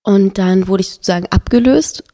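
Warm-voiced woman telling a story with feeling. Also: mid-range voice, brisk. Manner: emotional, animated storytelling. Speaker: podcast guest. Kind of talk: casual chat.

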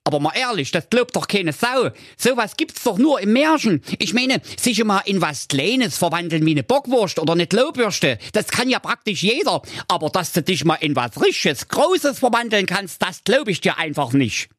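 A cheeky, scheming talking dog for a comic storybook, pitched far up from a normal speaking voice with a pinched, unusual timbre. He needles and flatters with mock innocence, and the sound is close and dry. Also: moderate pace, hardly any pauses, no echo, heavily acted.

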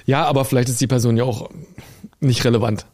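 Man with a German accent, podcast co-host, rapid talker, quick deadpan quips, dry close recording. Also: mid-range voice, dry recording. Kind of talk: casual chat.

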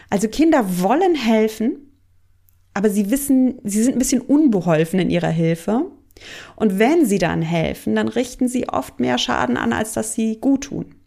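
A woman's voice: on the high side, vocal fry, warm tone. A woman coach giving a monologue, explaining and addressing the listener directly.

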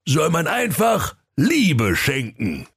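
A stern old Father Christmas, bellowing in a raised, lively voice with a husky edge. He sounds commanding and cross, a storybook patriarch. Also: fairly high pitch, takes it slowly, exaggerated voice.

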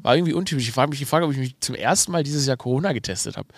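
A man's voice: mid-range voice, animated, rapid-fire, no echo. Nasal, rambling male podcast host. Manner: rambling, self-mocking, many fillers. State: slightly stuffy with a cold. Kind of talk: casual podcast monologue.

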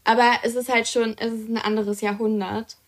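A young woman talks fairly quickly with a slightly high voice and a flat delivery. She co-hosts a laid-back podcast where she presents books she loves, sounding enthusiastic and chatty, with lots of filler words.

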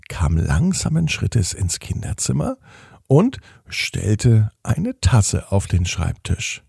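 A man reading a bedtime story in a calm, unhurried way. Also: lowish voice, creaky, slightly rough, dry recording, clean studio sound.

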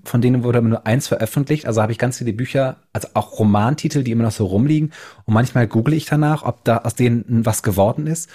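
A man from Northern Germany chats on a podcast with playful, joking banter. His voice sits at a plain middle pitch, recorded close on a podcast mic. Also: a little mellow. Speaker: podcast co-host, copywriter and author. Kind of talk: casual podcast chat.

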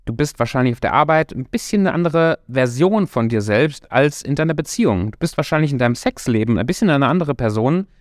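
A man's voice: medium pitch, lively intonation, fairly quick, few pauses, dry recording, studio quality. A man giving a motivational talk as a coach, speaking directly and encouragingly to the listener and stretching his key words.

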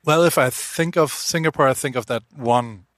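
Male podcast host, playful and chatty, mid pitch, dry close sound. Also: normal speed, fairly bright tone, dry recording. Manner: chatty and playful, teasing his guest. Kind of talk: casual interview chat.

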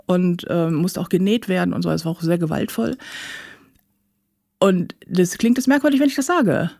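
A woman's voice: on the low side, moderate pace, creaky, mellow, no echo. A woman guest recounting her own painful experiences candidly and matter-of-factly in an interview. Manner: candid, matter-of-fact about painful events. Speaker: guest, author. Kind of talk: personal interview account.

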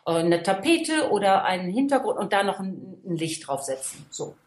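A trainer and coach from Germany's Rhineland explains her views emphatically, checking in with her listener in conversational expert talk. Her mid-range voice is sing-song at a moderate pace, and the room sounds echoey.

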